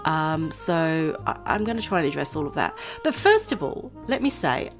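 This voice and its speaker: A woman with a low voice, nasal and a little hoarse from a cold. She talks in a loose, rambling chat with frequent laughs, as if to friends on her channel. Faint music plays softly behind her. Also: sing-song, normal speed. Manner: chatty and rambling, laughs often. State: voice going hoarse. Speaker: vlogger. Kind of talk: casual chat to camera.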